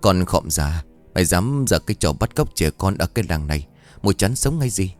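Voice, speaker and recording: A man playing a rough, hot-tempered drunk village man, gruff and threatening. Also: low voice, lively intonation, brisk, faint music behind.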